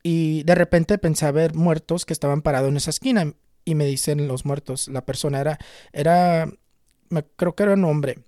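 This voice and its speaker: A man in his twenties, a tarot reader and spiritual healer, telling a personal story in an earnest, unhurried way with frequent restarts. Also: on the high side, steady tone, mellow, no echo, clean studio sound. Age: 20s. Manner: earnest, unhurried, often restarts and repeats words. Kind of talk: casual personal storytelling to camera.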